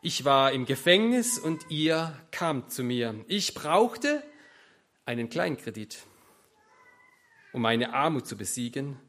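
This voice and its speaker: A man voicing a solemn male king at the end of time, reciting in measured biblical cadence. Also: medium pitch, big pitch swings, fairly bright tone.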